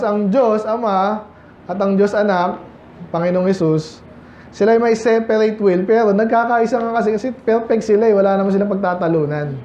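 Filipino-accented male pastor, conversational sermon, high mellow voice, echoey dull church recording. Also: slight background noise. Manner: conversational, mixes English Bible verses into talk. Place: church hall.

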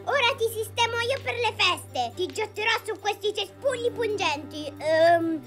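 A stern old husband from a storybook cartoon who scolds and threatens, as a high-voiced girl narrator puts him on. Even in his gruffness the voice stays high and bright. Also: measured pace, faint music behind, exaggerated voice. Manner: scolding, blustery.

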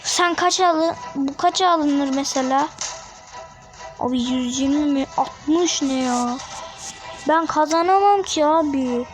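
A woman giving casual commentary while playing a mobile game, excitable and trash-talking the enemies. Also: high voice, takes it slowly, faint music behind. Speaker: mobile gamer. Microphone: phone screen recording.

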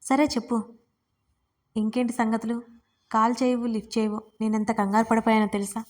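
A woman's voice: a little high, little pitch movement, normal speed, a little mellow, natural voice. A woman voicing a chatty, prying young woman who teases her best friend in an audiobook romance. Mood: teasing. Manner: chatty, prying, playfully mischievous. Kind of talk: audiobook character reading.

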